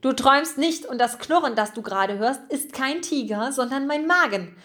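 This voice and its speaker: A woman's voice: sits high, lively intonation, normal speed, fairly bright tone. Woman reading as a male mouse, laid-back, slangy, hungry, storybook. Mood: boisterous. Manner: slangy, easygoing.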